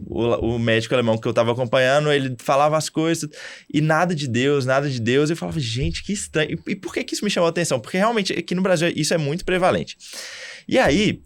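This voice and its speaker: Man, young adult, Brazilian Portuguese accent, podcast host, animated storytelling, medium pitch. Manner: animated storytelling, with many restarts. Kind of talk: casual podcast chat.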